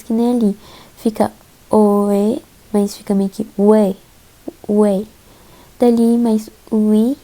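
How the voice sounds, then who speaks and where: Young Brazilian woman, casual tutor, hesitant and giggly, warm low-brightness tone. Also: low-quality recording. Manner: chatty, hesitant, giggly, many fillers. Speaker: host teaching Korean alphabet. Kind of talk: casual slide lesson.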